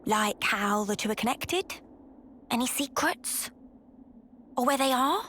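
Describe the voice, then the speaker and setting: A nosy, blunt young woman companion in a video game, with a high voice. She presses with casual, pushy questions, and faint noise sits behind her. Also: lively intonation, unhurried, fairly bright tone.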